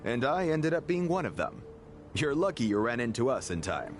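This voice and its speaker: An actor playing a harried, world-weary trader in a video game. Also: male voice, medium pitch, sing-song, normal speed, lightly acted. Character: harried male trader under money pressure. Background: loud music.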